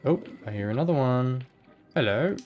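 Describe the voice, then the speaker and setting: A man's voice: fairly low pitch, lively intonation, measured pace, lo-fi sound, soft background music. A man chatting casually while he plays a video game, musing aloud and reading the game's text. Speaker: let's play gamer. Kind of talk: casual gameplay commentary.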